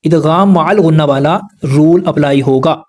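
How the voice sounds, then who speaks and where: Teaching recitation rules, a man goes back over each one patiently and slowly in plain words so beginners can follow. His voice is fairly high with a darkish tone.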